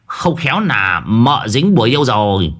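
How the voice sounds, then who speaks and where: A man's voice: mid-range voice, very animated, normal speed, fairly bright tone. A man doing a whimpering old medium. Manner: whimpering, fussy. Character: whining old male spirit medium.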